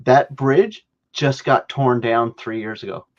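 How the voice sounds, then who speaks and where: A man's voice: mid-range voice, takes it slowly. A middle-aged Canadian man hosting a podcast, chatting casually and rambling with lots of self-corrections. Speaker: podcast host. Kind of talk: casual chat. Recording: dull lo-fi sound.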